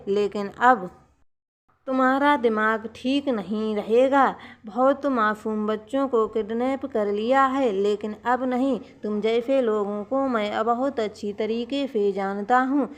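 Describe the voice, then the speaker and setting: A woman's voice: on the high side, measured pace, natural voice. A woman voicing an angry young man who accuses a stranger in a storybook tale. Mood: accusing. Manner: stern, accusing, commanding.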